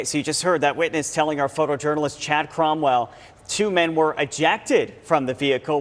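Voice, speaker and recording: News anchor: American man, fairly high voice, live delivery, reverberant sound.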